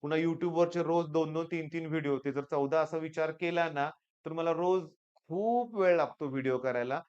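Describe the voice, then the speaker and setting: A tired Marathi-accented teacher in his forties talks earnestly and reassuringly to his students, his voice weaker than usual. His tone is smooth and resonant, and the recording sounds slightly dull and lo-fi. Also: on the high side, normal speed, darkish tone. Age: 40s. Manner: earnest, reassuring, repeats "okay?" often. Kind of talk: motivational talk to students.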